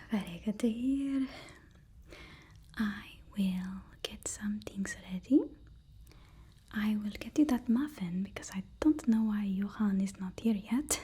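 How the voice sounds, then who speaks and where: In a whispered ASMR role-play, a woman plays a supervillain's timid personal assistant, apologizing and placating hesitantly. Her mid-range voice is warm and husky, and she speaks slowly with frequent pauses.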